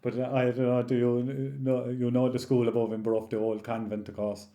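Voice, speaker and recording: Mellow older Irishman from rural Limerick, reminiscing. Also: mid-range voice, level tone. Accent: rural County Limerick Irish. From County Limerick, Ireland. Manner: halting, rambling, anecdotal. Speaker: interview guest, local storyteller. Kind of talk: oral history reminiscence, casual storytelling.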